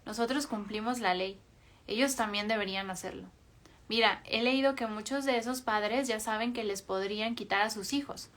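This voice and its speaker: A woman's voice: on the high side, normal speed, fairly bright tone, natural voice. A woman reading aloud in the voice of a judgmental middle-aged mother, stiffly polite and lecturing.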